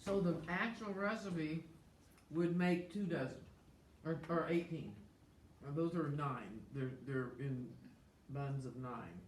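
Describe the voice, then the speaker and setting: A woman's voice: low-pitched, slow pace. A woman pastor co-hosting a casual cooking livestream, chatty and playful, half-singing nursery rhymes and leading a spoken prayer. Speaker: pastor and co-host. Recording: echoey room with faint background noise.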